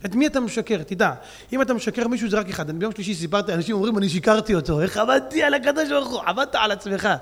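Brief: male preacher, very high voice, mocking, emphatic sermon delivery, long hall reverb. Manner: animated, mocking, emphatic, acts out jokes.

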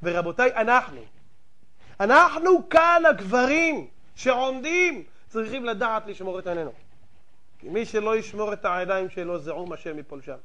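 A rabbi preaching a fiery sermon in a very high voice for a man. He fires off rhetorical questions and swings between loud outbursts and hushed asides. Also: animated.

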